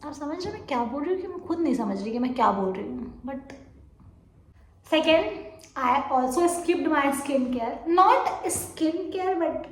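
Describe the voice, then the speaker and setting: A high-voiced young woman rambles through a casual vlog update while she is feeling unwell. She pokes fun at her own muddled talk and keeps losing her thread. The room around her is noticeably echoey. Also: expressive, slight background noise. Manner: rambling, self-mocking, mixes Hindi and English; says she talks very fast. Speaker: vlogger.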